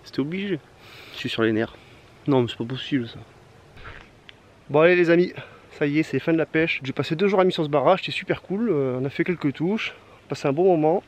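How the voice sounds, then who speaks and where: A fishing vlogger talks to camera while fishing by a rocky reservoir, chatty, exclaiming, and poking fun at himself. His voice is on the high side, and he talks fast but leaves long pauses.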